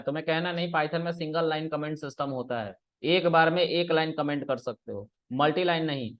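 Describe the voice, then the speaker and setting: A man teaching programming in a casual classroom way, explaining step by step and checking that students follow. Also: on the high side. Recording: dull lo-fi recording.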